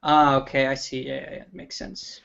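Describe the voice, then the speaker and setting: A man hosting a relaxed livestream interview, talking with frequent ums and restarts. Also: medium pitch, normal speed, gravelly, clean tone, lo-fi sound. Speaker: livestream host.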